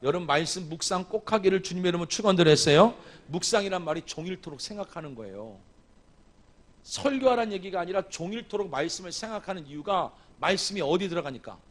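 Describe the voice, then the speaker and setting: Man, revival preacher, husky voice, lively rising and falling pitch, questions to the congregation. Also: fast. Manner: tells a family story, acting out dialogue. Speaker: guest revival pastor. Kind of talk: revival sermon. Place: church sanctuary.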